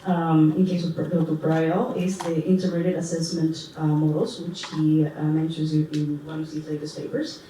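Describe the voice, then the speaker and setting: A woman moderates a panel in a fairly low voice, putting questions hesitantly with many fillers. Her mic sounds distant in a very echoey hall. Clear background noise runs underneath. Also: little pitch movement, normal speed, mellow.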